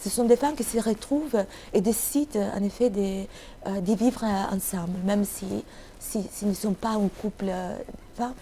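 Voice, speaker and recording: A middle-aged woman from Somalia, whose first language is Italian, speaks in a mellow, mid-range voice with a faint hiss or hum in the background. She's a novelist giving reflective answers in an interview, halting as she searches for words in a second language.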